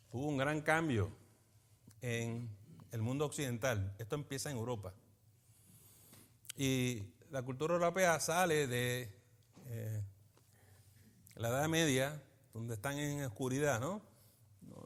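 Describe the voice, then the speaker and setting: A man, a pastor teaching a Bible study in a lively preaching manner, often asking his listeners for agreement. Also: medium pitch. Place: church meeting in a school building.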